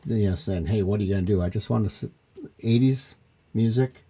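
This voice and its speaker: A man's voice: sits low, fairly even intonation, rapid-fire, dark tone, husky. A man co-hosting a podcast, chiming in easily during a casual chat.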